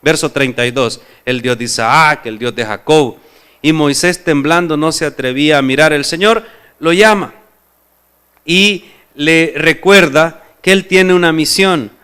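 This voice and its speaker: Bright clear-voiced male preacher. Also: on the high side, a little slow. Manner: asks the congregation questions, expressive. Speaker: pastor. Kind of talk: sermon.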